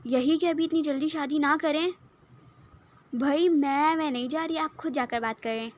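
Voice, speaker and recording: A woman's voice: high voice, pitched above the performer's own voice, close to an everyday voice. A woman voicing a whiny, stubborn young woman who keeps refusing. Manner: whining, refusing.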